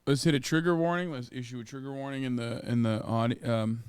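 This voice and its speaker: A man's voice: medium pitch, fairly even intonation, quick pace, a little mellow, clear, resonant tone, no room sound. A man streaming live, chatting loosely with his viewers and swearing freely. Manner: loose and profane, bursts into a mock Kiwi accent. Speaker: streamer reacting to a video. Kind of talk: casual livestream chat.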